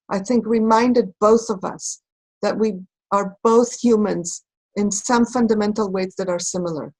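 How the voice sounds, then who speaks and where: A woman from Israel speaking reflectively in a recorded conversation, pausing and searching for her words. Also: medium pitch, darkish tone, poor audio. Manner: thoughtful, halting, searching for words. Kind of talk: reflective talk.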